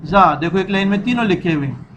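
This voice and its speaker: A man's voice: high-pitched, animated, fast, dull audio, a little hiss or hum. A man with a Pakistani Urdu accent teaching children the alphabet, patiently repeating each sound for them to echo. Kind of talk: children's alphabet lesson, slow drilled repetition.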